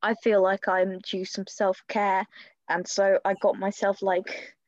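A woman's voice: medium pitch, little pitch movement, unhurried, dry recording. A chatty young woman in her twenties, co-hosting a casual podcast with a giggly, teasing way of talking. The sound is a little dull and lo-fi, and the room is dry. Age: 20s. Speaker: podcast co-host.

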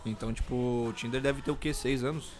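A man's voice: mid-range voice, steady tone, brisk, darkish tone, faint music behind. A young man, telling stories in a casual podcast chat and laughing often. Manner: laid-back storyteller, often laughing. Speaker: podcast co-host.

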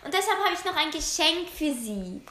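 A girl doing a sugary, flattering suck-up. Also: high-pitched, moderate pace, exaggerated voice. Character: sucking-up flattering schoolgirl. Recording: roomy echo.

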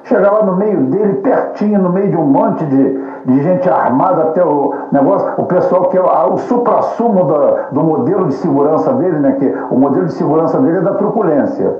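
A man's voice: fairly high pitch, animated, a little fast, hardly any pauses. A man giving a casual political monologue, ironic, combative and full of profanity. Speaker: political commentator. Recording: roomy, dull lo-fi, faint music.

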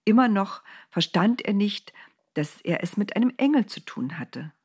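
A woman narrating a children's Bible story in a lively, playful way. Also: medium pitch, normal speed, husky.

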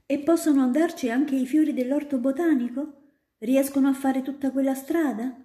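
A woman's voice: sits high, steady tone, moderate pace, warm tone, pitched above the performer's own voice, close to an everyday voice. A woman doing a curious, eager little girl. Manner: eager questioning. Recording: roomy echo.

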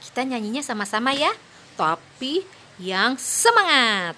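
Her fairly high, sing-song full character voice has a sharp tone as she plays a cheerful young mother in a scripted audio play for kids. Slowing down for her two small daughters, she patiently encourages and praises them, over a little hiss or hum.

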